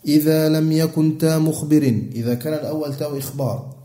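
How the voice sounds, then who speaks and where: A man with an Egyptian accent teaching Quran recitation rules to a class, quizzing students with fill-in questions and chanting quoted verse lines slowly. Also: on the high side, fairly even intonation, mellow, echoey room. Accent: Egyptian Arabic.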